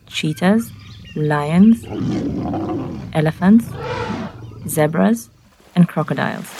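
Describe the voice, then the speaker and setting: A woman with a Kenyan accent narrates a personal story in a fairly low voice. She speaks in short, simple sentences, as a scripted storyteller would for language learners. Soft music is faintly present. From Nairobi, Kenya.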